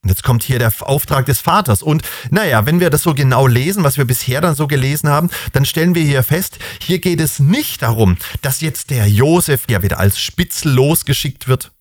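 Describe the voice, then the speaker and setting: A man's voice: medium pitch, brisk, hardly any pauses, dry recording, studio quality. A man hosting a Bible podcast, teaching in a casual, reflective way and asking rhetorical questions.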